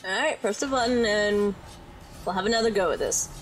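A woman giving casual let's-play commentary while she plays, muttering to herself with quick frustrated outbursts. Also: medium pitch, poor audio. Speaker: gaming YouTuber. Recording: game music behind her voice. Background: game music.

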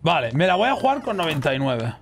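A high, very lively male voice, bouncing between wide pitch swings as he comments on a horror game. He chats loosely with his stream audience and bursts into yelps and curses whenever something jumps out at him. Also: quick pace, creaky, slight background noise. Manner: excitable, swears and shrieks at scares, talks to chat. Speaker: gaming streamer. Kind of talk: casual let's-play commentary.

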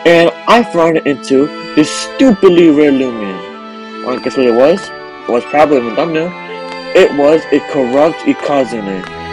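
A young man narrating a casual voice-over about his game hunting luck. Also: on the high side. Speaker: gaming YouTuber. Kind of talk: recorded vlog voice-over. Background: background music.

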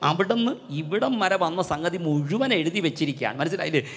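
Rousing older preacher in an echoing hall. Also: male voice, a little high, animated, brisk. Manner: rousing, repeatedly calls for loud hallelujahs; storytelling, folksy and conversational. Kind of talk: charismatic sermon with call-and-response. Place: large hall at a gathering. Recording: long hall reverb.

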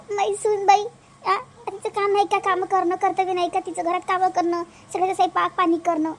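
A woman playing a whiny older cartoon mother-in-law, Vidarbha accent, very high squeaky voice, nagging and drawn-out. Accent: Vidarbha Marathi. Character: scolding older mother-in-law, complaining about her aches. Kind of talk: cartoon voice acting.

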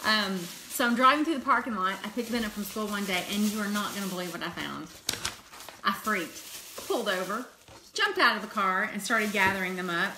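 This is a makeup seller in her fifties from Louisiana, chatting casually on a livestream at a table in her home and laughing easily as she greets viewers. Her mild Southern accent comes through a medium-pitched, bright, forceful voice. The recording is rough, with slight background noise, taken close up on a phone camera.

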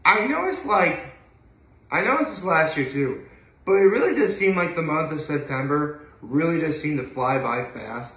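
This young adult daily vlogger from upstate New York has a bright, fairly high voice and chats casually to the camera at a moderate pace. He's expressive but rambling and hesitant, often letting thoughts trail off. The roomy, echoey audio comes from a phone camera a few feet away in his living room at home.

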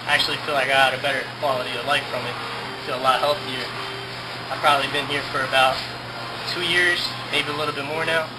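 A man's voice: mid-range voice, flat delivery, fast talker, heavy background noise. A young man giving a casual, upbeat testimonial as a gym member, filmed in an indoor gym.

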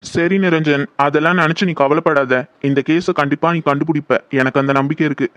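A man voicing a steady, reassuring head of the household in a horror audio drama. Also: on the high side, brisk, dry recording, natural voice. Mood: firm. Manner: firm, reassuring. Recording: dull lo-fi, dry.

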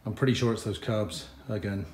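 A man's voice: lowish voice, fairly even intonation, brisk, a little mellow. A man works on a motorcycle in his garage and talks his way through each step. He sounds frustrated and mutters his thoughts aloud, with faint noise in the background. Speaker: motorcycle mechanic vlogger. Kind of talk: talking to camera while working on a bike.

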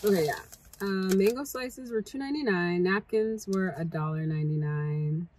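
This young woman vlogger talks while eating, chatting casually through a snack taste test and sometimes speaking with her mouth full. Her medium-pitched voice is a little mellow at a moderate pace, and the camera mic captures a rough recording with slight background noise.

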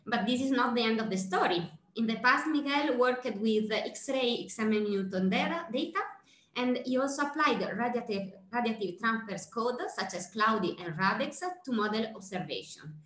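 A woman's voice: a little high, moderate pace, fairly bright tone. A woman in her thirties with an Italian accent, introducing a speaker at a seminar, hesitant and full of fillers and restarts. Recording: roomy echo.

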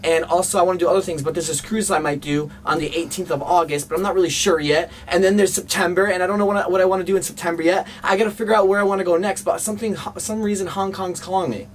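High-voiced young man vlogging. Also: steady tone, quick pace, hardly any pauses, slight background noise. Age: young adult. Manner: slangy, chummy address to viewers. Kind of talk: casual vlog chat to camera. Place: small home rooms, indoors.

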